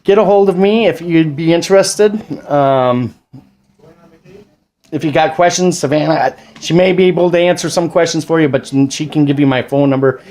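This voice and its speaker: Speaking at a fairly high pitch and a moderate pace, this man has a slightly mellow voice. He's an American of around forty, an amateur radio operator and dad, chatting casually to the camera from his home radio station and explaining things in a loose, rambling way.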